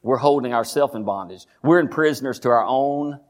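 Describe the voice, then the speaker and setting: A man preaching a sermon. He repeats phrases for emphasis, calls the congregation honey and rises in pitch as he drives each point home. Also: a little fast.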